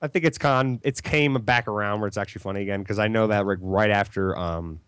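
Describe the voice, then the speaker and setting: A man's voice: lowish voice, a little fast, fairly bright tone, clean tone, no room sound, clean studio sound. A young man hosting a radio talk show, rambling and self-deprecating with crude jokes. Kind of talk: casual comedic banter.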